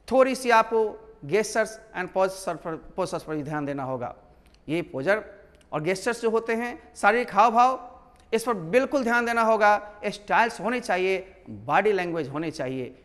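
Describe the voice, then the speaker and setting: A man's voice: high voice, fairly bright tone, clear, resonant tone, long reverb tail. A man teaching spoken English in a classroom lesson, drilling example questions and answers. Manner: instructive, repeats and drills example sentences.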